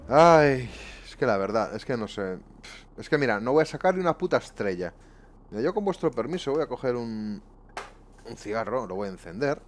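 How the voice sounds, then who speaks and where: Playing a bus-driving game live from a room at home, this man addresses his viewers with frequent swearing and grumbling. His mid-range voice swings widely in pitch at a moderate pace, full of exasperation.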